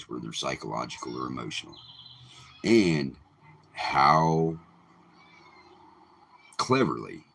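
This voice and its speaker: Very deep gravelly man, rambling. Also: fairly bright tone. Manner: rambling, many ums and restarts. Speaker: vlogger. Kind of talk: casual commentary to camera.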